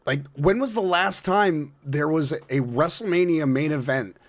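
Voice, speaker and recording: A man with a raspy smoker's voice co-hosting a casual wrestling podcast, rambling and correcting himself as he goes. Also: fairly high pitch, unhurried. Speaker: podcast co-host.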